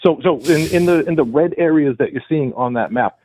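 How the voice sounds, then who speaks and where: This Boston caller's voice runs on the high side, a little fast and a little mellow. He explains at length to a call-in radio show in a rambling, emphatic manner, at home with his wife beside him. He uses speakerphone, then the handset, on a dry line with no room sound.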